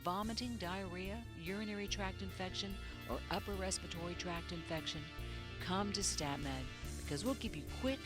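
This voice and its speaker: A woman narrating a scripted promotional infomercial in a polished, measured sales-pitch manner. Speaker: commercial voice-over announcer. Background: music bed.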